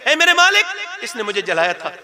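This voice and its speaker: A man's voice: sits high, huge pitch swings, a little fast, crowd noise. A man doing a grieving old mother, pleading. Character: grieving elderly mother pleading before God.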